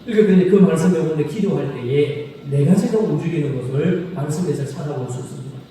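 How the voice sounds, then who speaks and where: Dark-voiced pastor in an echoey church. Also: male voice, on the high side, lively intonation. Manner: asks the congregation questions and repeats key phrases; slow, solemn scripture reading. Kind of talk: sermon. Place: church sanctuary. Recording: echoey hall reverb from a distant mic, faint noise.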